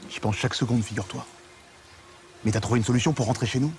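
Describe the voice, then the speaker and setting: A man's voice: medium pitch, steady tone, quick pace, close to an everyday voice. An actor playing a zealous, servile slave promoted to bossy foreman, speaking officiously in a period comedy film. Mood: curt, low.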